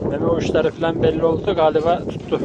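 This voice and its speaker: A man with a slightly high voice chats casually to the camera while walking among his dogs in the snow. He coos at them in a lifted, sweeter tone between remarks. The recording carries clear outdoor noise and dogs around him. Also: monotone, quick pace, dull audio. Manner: chatty, talks sweetly to his dogs in a higher voice. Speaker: dog breeder showing his kennel. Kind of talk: casual vlog narration. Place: outdoors in snow at a rural kennel.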